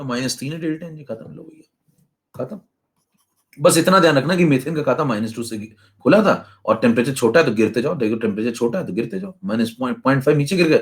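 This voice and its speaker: A young man teaches chemistry in an online lecture with a brisk, teasing delivery. His voice sits at an ordinary middle pitch. He breaks off now and then to mimic slow, lazy students.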